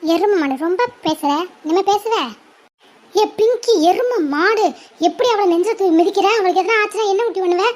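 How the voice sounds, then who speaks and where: A loud, exasperated village mother scolds her daughters nonstop, as a woman acts her out. Her voice sits high. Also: normal speed. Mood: scolding.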